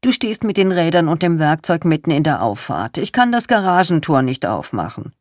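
A reader voicing Inge, a practical older wife who is patient but insistent. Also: female voice, low voice, very animated, normal speed, no room sound, clean studio sound, voice pushed up.

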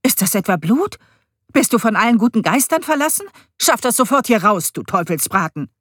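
A woman's voice: deep voice, moderate pace, dry recording, clean studio sound. A woman doing a scolding stepmother. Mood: angry. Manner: sharp, scolding. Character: cold, disgusted stepmother.

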